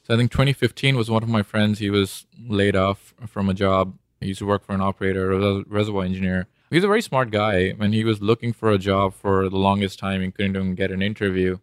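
A man with an Indian accent speaks as an interview guest, explaining in an informal way. His voice is low and keeps to a fairly flat line, recorded dry and close. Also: quick pace, hardly any pauses, no room sound. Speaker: interview guest, tech startup founder.

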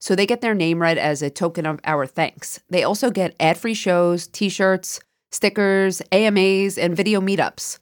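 Slightly low-voiced woman, casual podcast co-host. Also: moderate pace, hardly any pauses, clear, resonant tone. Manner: informal, conversational. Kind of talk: casual chat.

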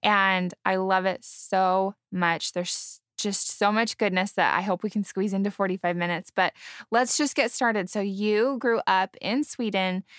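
A woman's voice: mid-range voice, a bit bright, clear, resonant tone, no echo, studio quality. A woman hosting a podcast interview, speaking in an enthusiastic, gushing manner. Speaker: podcast host. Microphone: video call.

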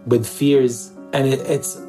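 This interview guest is a theater director from East Jerusalem, speaking earnestly and reflectively and often repeating words for emphasis. His mid-range voice is warm, moves little in pitch, and unfolds slowly over soft background music.

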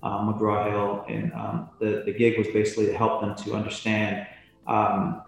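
A man from Jamaica recounts his career in a measured, low, level voice with frequent ums. He is heard from a distance in a very echoey room. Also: completely flat delivery, faint music behind. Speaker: podcast guest, venture capitalist. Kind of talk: interview answer.

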